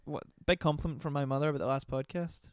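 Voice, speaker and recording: A young man co-hosts a relaxed book podcast, drifting onto tangents and joking at his own expense. His voice sits a little high for a man and sounds smooth and clear. The mic is close, with no room sound. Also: fast, dry recording. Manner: rambling, goes off on tangents, self-deprecating. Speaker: podcast co-host. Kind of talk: casual chat.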